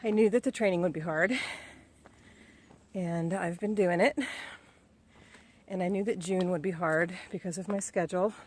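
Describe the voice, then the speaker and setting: A middle-aged woman giving a relaxed, chatty, self-encouraging training update on a ride outdoors. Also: lowish voice, normal speed, pauses often, a little hiss or hum. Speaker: vlogger. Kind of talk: casual spoken training update.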